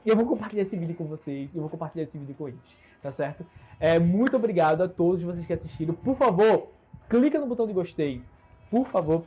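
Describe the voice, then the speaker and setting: Fast and animated, his high voice carries a darkish tone over a little hiss or hum. He is a Recife native in his twenties, an entrepreneur with a Recife Brazilian Portuguese accent, chatting casually and earnestly to viewers in a solo livestream from his bedroom on a smartphone camera. He comes across upbeat and self-assured, gesturing constantly.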